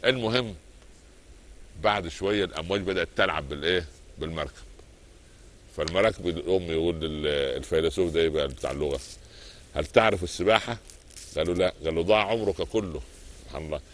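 A man with an Egyptian accent preaching a sermon, telling anecdotes in a lively storyteller's way and moving between everyday and formal speech. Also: sits low, rapid-fire. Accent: Egyptian Arabic.

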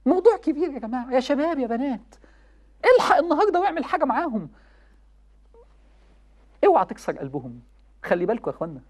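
A woman's voice: sing-song, racing, pauses often, a little mellow. A young woman with an Egyptian accent giving a passionate religious talk, acting out the voices she quotes. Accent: Egyptian Arabic. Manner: passionate, rising to high exclamations, acts out quoted voices. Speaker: religious speaker. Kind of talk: Ramadan sermon talk.

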